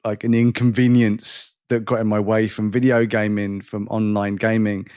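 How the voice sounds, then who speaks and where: A man's voice: lowish voice, flat delivery, moderate pace, darkish tone, smooth, dry recording, studio quality. A middle-aged man with a London and Surrey accent, hosting a podcast in casual, rambling, self-deprecating chat. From England. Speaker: podcast host.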